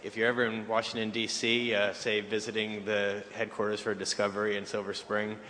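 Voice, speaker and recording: Audience man, measured and friendly, bright tense tone, reverberant hall. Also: fairly low pitch, monotone. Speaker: audience member asking a question. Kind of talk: live Q&A question. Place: large hall at a convention. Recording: large hall with faint noise.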